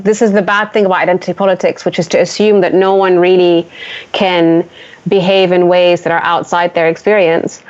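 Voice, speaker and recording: A woman's voice: fairly low pitch, darkish tone. Earnest woman from Sudan, muffled sound. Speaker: panel guest, newspaper columnist. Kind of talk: casual podcast discussion. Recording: dull lo-fi audio.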